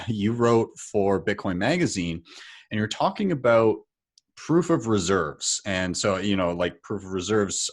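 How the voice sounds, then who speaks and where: A man in his thirties hosting an interview, upbeat and conversational, speaking from a home office into a studio mic. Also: fairly low pitch. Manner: upbeat, conversational, with filler words. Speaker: podcast host. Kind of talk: casual interview. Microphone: studio mic with headphones.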